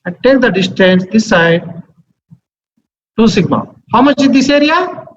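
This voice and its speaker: High-pitched man with a Telugu accent, teaching. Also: lively intonation, a little slow. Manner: repeats himself, checks understanding with short questions. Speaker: statistics teacher. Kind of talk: interactive lecture. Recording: muffled, echoey, noisy room recording.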